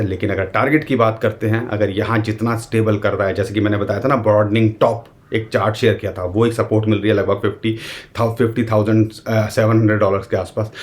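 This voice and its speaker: Low-voiced man talking crypto charts. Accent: Indian. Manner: conversational, addresses viewers directly, uses the royal we. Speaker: crypto market commentator. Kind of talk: casual market analysis monologue.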